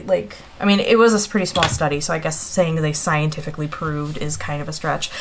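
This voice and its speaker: A woman chatting casually as she sets up a planner on video, counting aloud and laughing at her own slips. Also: medium pitch. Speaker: planner vlogger. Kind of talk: casual chat while drawing a planner layout.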